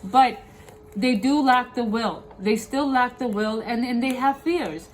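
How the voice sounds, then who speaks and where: Wearing clear dental aligners that cause a slight lisp, a higher-voiced woman hosts a tarot reading for viewers at an unhurried pace. She repeats herself emphatically and keeps asking "okay?", in a low-quality recording with a little background noise.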